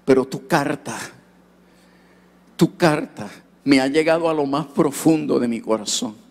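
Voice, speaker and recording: A man voicing his remorseful father, who speaks in a slow, grave and tender way as he apologizes to his son. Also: on the high side, long reverb tail.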